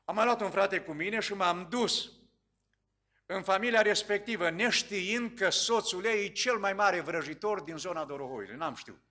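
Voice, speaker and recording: A man preaching as a pastor, telling a story dramatically with pauses and repetitions. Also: sits high, bright, forceful tone. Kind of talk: sermon storytelling.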